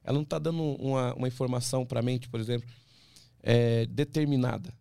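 A man, an ultramarathon runner from Brazil, talking as a podcast guest, animated and full of restarts, acting out what others say. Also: medium pitch, fairly quick, vocal fry, smooth, dry recording. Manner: animated storyteller, many restarts, acts out quoted voices. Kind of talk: casual interview talk.

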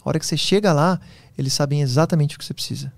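A man being interviewed as a guest on a podcast, telling personal stories in an animated, casual way. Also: on the high side, creaky, no room sound. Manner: fast, animated storytelling.

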